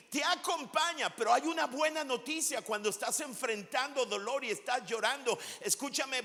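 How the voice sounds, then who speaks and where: A male pastor preaching a sermon, emphatic, stretching some phrases out slowly and bursting into shouts. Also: very high voice. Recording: long hall reverb.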